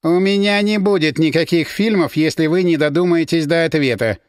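A man's voice: fairly high pitch, brisk, no echo, clean studio sound, lightly acted. A man voicing an irritated, impatient male television company owner with an angry manner.

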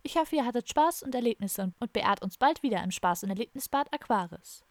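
A woman's voice: on the high side, animated, brisk, no room sound. A woman voicing a cheerful, chatty female pool cashier in an audiobook, sweet and sing-song.

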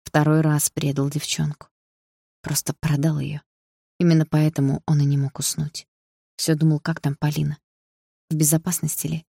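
An audiobook narrator reading scripted prose in a steady, gravelly voice. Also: medium pitch, moderate pace, long pauses, dry recording, clean studio sound.

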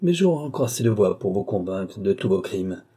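Guy doing a huffy stubborn police chief, dark husky voice, audiobook. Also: lowish voice, sing-song, fairly quick. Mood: defiant. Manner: indignant, defiant, loud. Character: proud, stubborn older male police chief.

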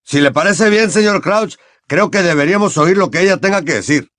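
A man doing a stern, loud wizard official. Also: sits high, a little fast, no room sound, studio quality, voice pushed up. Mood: grave. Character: stern middle-aged male wizard official.

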